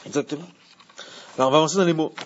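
Un homme qui donne un cours de Torah de façon animée et pose des questions à ses élèves. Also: male voice, fairly high pitch, rapid-fire, muffled recording. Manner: animated, asks the class questions. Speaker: Torah teacher. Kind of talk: Torah class.

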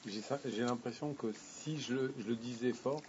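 A man in a class speaking softly and hesitantly, pausing with fillers. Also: medium pitch, lo-fi sound, a crowd in the background. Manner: soft, hesitant, pauses with fillers. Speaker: student.

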